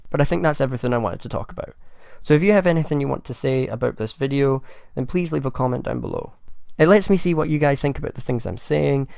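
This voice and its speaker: A man with a gruff voice, hosting his own channel and giving measured, earnest opinion commentary to camera. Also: medium pitch, a little mellow, dry recording. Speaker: channel host.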